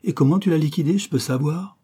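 Guy doing a blunt angry old pal, dark husky voice, scolding hard. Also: on the high side, fast, pitched above the performer's own voice. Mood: indignant. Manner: scolding, heated and accusing. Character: Léopold, old friend, blunt and indignant man. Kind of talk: audiobook reading.

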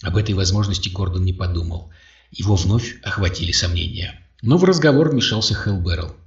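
A man narrating an audiobook in a measured, even reading. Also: sits low. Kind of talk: scripted narration. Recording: dull roomy audio, distant mic.

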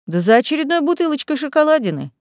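A woman's voice: sits high, sing-song, fast talker, a little mellow, no room sound, clean studio sound, voice pushed up. Mr. Double Chocolate, a woman doing a sly needling chocolatier. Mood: accusing. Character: sly shrewd chocolatier man.

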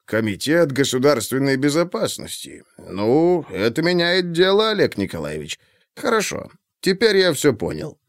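A courteous professor, voiced by a male narrator, speaks in a calm, measured way with a lively rise and fall. The recording is close and dry. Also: medium pitch, no echo.

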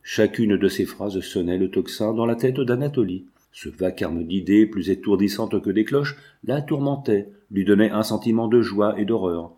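A man's voice: fairly low pitch, moderate pace, few pauses, mellow. A man narrating a novel as an audiobook, his voice lifting for the quoted dialogue.

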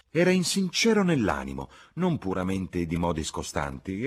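A man reading an audiobook, voicing an outspoken, indignant young woman in a raised, husky voice. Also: mid-range voice, voice pushed up. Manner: heated, emphatic.

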